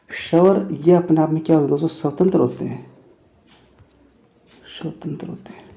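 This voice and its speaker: A man teaching Hindi grammar in a classroom lesson, repeating phrases slowly and calling his listeners friends. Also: fairly high pitch, gravelly, mellow. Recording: echoey room.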